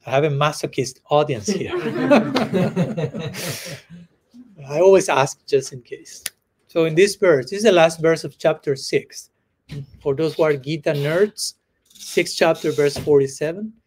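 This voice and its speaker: Guy giving a relaxed spiritual talk to a group, kinda high voice, laughs a lot, keeps saying "no?". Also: slight background noise. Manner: gentle, unhurried storytelling with frequent chuckles and "no?" asides. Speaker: spiritual teacher. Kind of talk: informal dharma talk to a live group.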